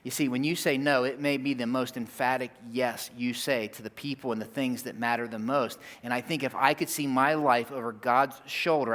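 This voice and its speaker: Middle-aged male pastor, chatty sermon storyteller, mid-pitched, big hall reverb. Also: a bit bright. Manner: conversational, storytelling with asides to the congregation. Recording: long reverb of a church hall.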